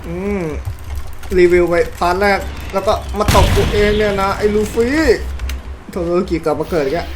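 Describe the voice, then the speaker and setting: A man giving loud, excitable gameplay commentary, swearing constantly and yelping as he plays. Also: high-pitched, normal speed, noisy background. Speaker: gaming YouTuber. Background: game music.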